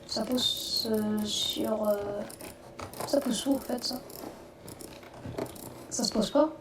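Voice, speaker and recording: A woman narrating her own gameplay in a rambling, excitable way, breaking into swearing whenever she panics. Her voice sits a little high and is picked up from some distance in a roomy space, with clear noise underneath. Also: slow pace. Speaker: gaming video host. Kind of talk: let's play commentary. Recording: roomy, distant mic, noisy background.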